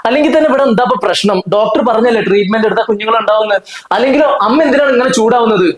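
A man's voice: very high-pitched, rapid-fire, roomy sound, a crowd in the background, low-quality recording. A young man playing a loyal husband who pleads and reasons in a short film drama. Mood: protesting. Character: loyal young husband, defends his wife.

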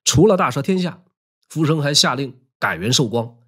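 A man tells history with a wry, colloquial humor. His voice is husky and his pitch sweeps widely as he storytells. He sits at a mid pitch for a man. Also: sing-song, moderate pace, a bit bright.

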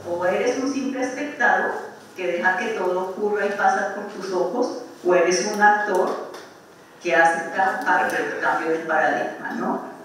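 A man's voice: high voice, unhurried, fairly bright tone. A man reflects informally in a lecture, conversational and often ending phrases with tag questions. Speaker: speaker at an architecture lecture. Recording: distant, very echoey room, faint noise.

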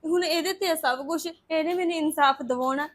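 With a high, natural voice that runs a little fast, an actress portrays a worried young wife crying out for justice in a Punjabi web series.

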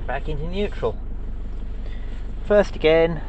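A man's voice: a little high, animated, slow, lo-fi sound, slight background noise. A man in his forties giving dry, understated commentary while testing an old car, filmed on a handheld camera inside and around the vehicle. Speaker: vlogger. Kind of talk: casual running commentary. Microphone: handheld action camera. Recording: faint engine idle behind.

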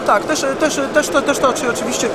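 A man's voice: very high voice, fast talker. A man in his thirties, a veterinarian, answering interview questions with many restarts and repeated words. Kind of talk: on-camera interview. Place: large indoor exhibition hall with pigeon cages. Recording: loud hall background noise.

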